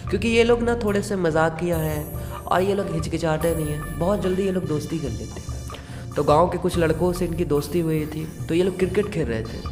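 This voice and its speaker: A man narrating a horror story in a conversational, dramatic way, going hushed at tense moments. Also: on the high side. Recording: long reverb with background music.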